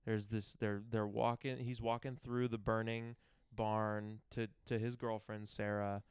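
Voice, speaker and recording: A man's voice: lowish voice, level tone, a little slow, darkish tone, clear, resonant tone, no room sound, clean studio sound. A young man co-hosting a podcast, talking loosely about a movie with lots of fillers and easy laughs. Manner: rambling, filler-heavy, laughs easily. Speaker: podcast co-host. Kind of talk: casual chat.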